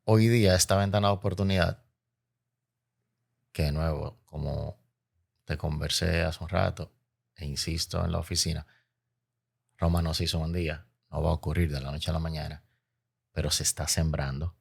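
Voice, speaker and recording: A man's voice: very deep voice, steady tone, moderate pace, vocal fry, pauses often, breathy edge. A man with a Dominican Caribbean Spanish accent, explaining as an interview guest in an emphatic, oratorical way, repeating phrases for effect. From Dominican Republic. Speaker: interview guest, logistics expert.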